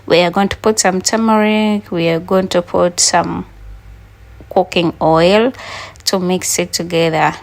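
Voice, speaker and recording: A woman's voice: fairly low pitch, fairly even intonation, measured pace, vocal fry. A woman from Uganda with a Ugandan accent, chatting to her viewers as she cooks breakfast in a casual vlog. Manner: chatty, talks to viewers while cooking. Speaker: cooking vlogger.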